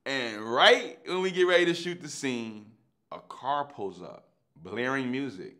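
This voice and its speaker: A middle-aged man, an actor telling his own story in a lively way. He acts out the dialogue in street slang and swings between hushed and loud delivery. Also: mid-range voice, unhurried. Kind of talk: animated anecdotal storytelling.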